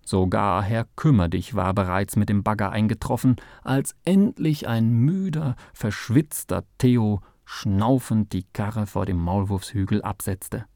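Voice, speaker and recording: A man narrating a children's audiobook in a slow, lively storytelling manner. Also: lowish voice, no room sound, studio quality.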